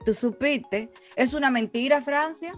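High-voiced playful woman. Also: measured pace, faint music behind. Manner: playful, blunt, teasing, uses slang. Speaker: panel co-host. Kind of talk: casual panel chat.

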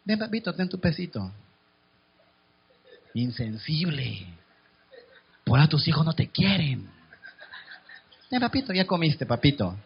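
A pastor voicing a tender woman who coddles a homeless man with pet names, in a soft, doting way, recorded with dull lo-fi sound. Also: a little high, sing-song, measured pace, gravelly, long pauses, slightly rough, heavily acted.

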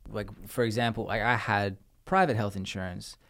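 A man with an Australian accent talks in a low, easygoing voice. He rambles through his points, restarting sentences as he goes. He tells stories casually, like a guest on a chat show. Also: normal speed, creaky. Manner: rambling, restarts, lively storytelling. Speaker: podcast guest.

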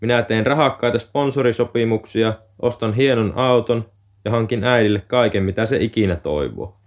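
A man's voice: on the low side, natural voice. Man voicing an earnest young boy. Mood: dreamy. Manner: earnest, pleading. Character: young boy ski jumper, hopeful, dreamy.

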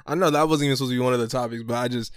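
A man's voice: mid-range voice, steady tone, very fast, smooth, no echo, studio quality. A young man co-hosting a podcast, laid-back and slangy, swearing freely in casual chat. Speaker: podcast co-host.

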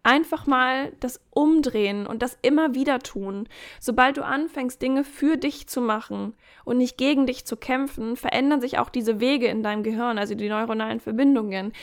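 A woman in a casual podcast chat, giving coaching advice in an animated way, acting out inner voices and adding jokey asides. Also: a little high, normal speed. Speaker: podcast guest.

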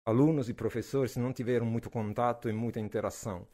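A man in his forties from Naples with an Italian accent, a physics professor answering interview questions in a relaxed way, with frequent hesitations and fillers. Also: mid-range voice, fast talker. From Naples, southern Italy. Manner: hesitant, many "ah" fillers, laughs easily.

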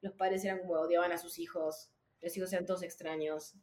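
Fast-talking Rioplatense woman in an echoey room. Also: fairly low pitch. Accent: Rioplatense Spanish. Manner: fast, animated, swearing, lots of fillers. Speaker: podcast host. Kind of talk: casual chat.

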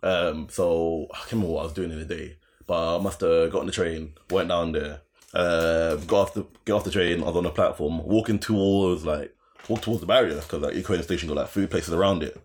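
A young man with an urban London roadman accent, telling a casual story in slangy, animated speech and repeating phrases for emphasis. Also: deep voice, a little fast.

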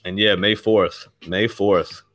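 Faint music plays behind this man's lowish, slightly bright voice as he speaks slowly and in a steady tone. Hosting a live podcast in casual chat, he hypes things up, swears, repeats himself, and coughs from a chest cold.

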